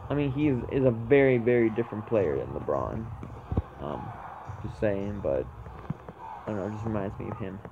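A young man giving excited commentary over a mobile basketball game he plays, often bursting out at big plays. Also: lowish voice, moderate pace. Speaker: gaming YouTuber. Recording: tinny lo-fi mic with faint noise.

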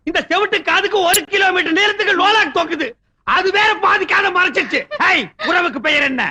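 An actor playing a hot-tempered, sarcastic groom who scolds and hurls quick insults in a film comedy scene. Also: male voice, extremely high pitch, sharp tone, a little hiss or hum, full character voice. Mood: exasperated shouting.

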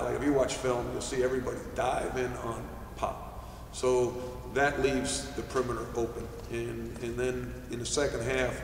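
A middle-aged man from New York, a basketball head coach answering postgame questions at a press table in a measured way, with many fillers and restarts. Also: mid-range voice. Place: press room, seated at table. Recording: echoey room, distant mic, faint hiss.

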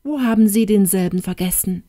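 A woman voicing a kind, courteous young gentleman traveller who speaks calmly and helpfully. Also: medium pitch, fairly quick, dry recording, studio quality, close to an everyday voice.

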